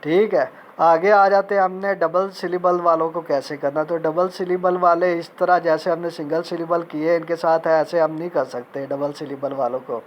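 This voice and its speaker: A man teaching a recorded grammar lecture in Urdu, reading out English example sentences and repeating each point slowly. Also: on the high side, steady tone, slight background noise. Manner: mixes Urdu speech with spoken English examples.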